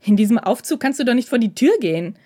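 A woman's voice: on the high side, expressive, fast, mellow, no echo, studio quality, voice pushed up. A woman voicing a cold, stern male dorm head who talks in clipped, icy orders.

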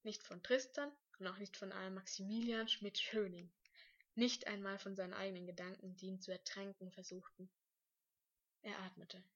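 A woman narrating a story aloud in a calm, measured way. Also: mid-range voice, highs cut off.

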